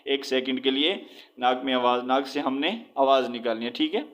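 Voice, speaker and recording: A man teaching Quran reading, spelling out letters and drawing words out slowly between explanations. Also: mid-range voice, fairly even intonation, a bit bright. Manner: drawn-out recitation of words, explaining with repeated checks. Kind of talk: slow spelled-out recitation lesson.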